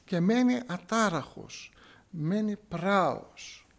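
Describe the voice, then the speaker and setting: A man's voice: sits high, lively intonation. A male priest giving a sermon in church, explaining scripture word by word and repeating key phrases to drive them home.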